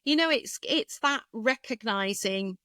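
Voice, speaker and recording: A woman speech therapist, a guest in an interview, explaining carefully and thoughtfully with frequent pauses and fillers. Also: a little high, expressive, bright, forceful tone. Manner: thoughtful, hesitant with many fillers.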